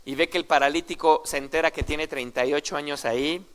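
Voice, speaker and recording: Mexican pastor, conversational sermon. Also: male voice, on the high side, fairly even intonation, fast. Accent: Mexican Spanish. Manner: conversational, full of rhetorical questions and tag questions.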